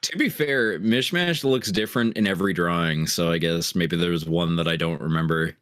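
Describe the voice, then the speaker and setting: Low-voiced teasing man. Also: moderate pace, fairly bright tone, no echo. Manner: teasing, dry jokes. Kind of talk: casual chat over voice call.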